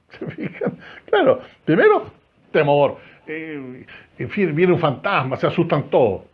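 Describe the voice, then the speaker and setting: A man's voice: on the high side, very animated, unhurried, husky, narrow, tinny audio. A male priest with a Chilean accent preaching a homily in a chapel, talking conversationally and asking the congregation questions. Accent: Chilean Spanish.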